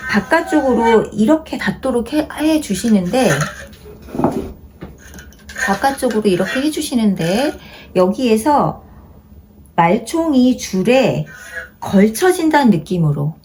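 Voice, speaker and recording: Lady teacher walking a beginner through bowing, lively up-and-down voice, noisy recording. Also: medium pitch. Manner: patient, repeats instructions slowly while demonstrating. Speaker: haegeum teacher. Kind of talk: step-by-step instrument lesson. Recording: noisy home-video recording.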